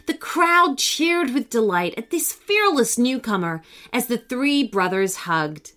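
Expressive woman reading a children's story. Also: on the high side, slow. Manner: expressive, animated. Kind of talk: scripted children's story narration.

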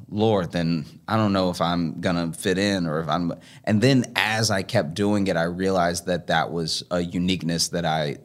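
Deep, sonorous man in reflective conversation. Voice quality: deep, sonorous, heavy radio voice. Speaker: guest, stand-up comedian.

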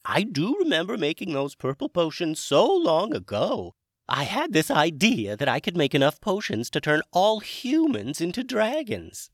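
A man voicing a genial, eccentric old dragon wizard with a high, airy, chatty voice. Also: huge pitch swings, moderate pace, no room sound, clean studio sound, exaggerated voice.

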